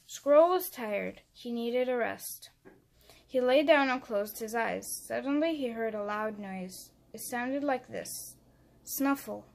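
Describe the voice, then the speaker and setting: A woman narrating a children's picture book aloud, clear and expressive. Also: fairly high pitch, slow pace.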